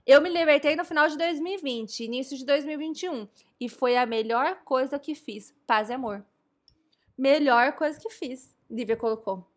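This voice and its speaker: A Brazilian woman co-hosting a podcast, lively and teasing as she reads listener comments and cheers them on. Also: high-pitched, normal speed. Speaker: podcast co-host. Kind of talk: casual chat, reading listener comments.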